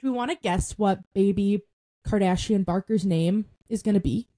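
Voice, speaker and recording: A woman's voice: medium pitch, moderate pace, no echo. A woman co-hosting a chat podcast in a playful, teasing way, often bursting into disbelief. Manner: playful, teasing, loudly incredulous. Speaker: podcast co-host. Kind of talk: casual chat.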